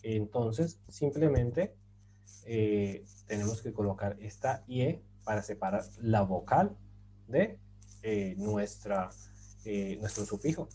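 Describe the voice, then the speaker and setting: A man teaching a grammar lesson, patient and explanatory, often checking in with his listeners and pausing on fillers as he writes. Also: fairly low pitch, expressive, warm tone, rough recording. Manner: patient, rhetorical questions, many fillers. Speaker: language teacher. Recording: faint background noise.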